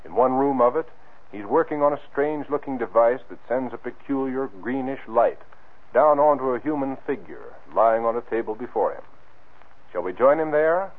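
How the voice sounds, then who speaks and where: A man's voice: mid-range voice, expressive, normal speed. A man speaking as an old-time radio announcer, reading scripted sponsor copy and narration straight to the listeners in a showy way. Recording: tinny, band-limited vintage radio recording.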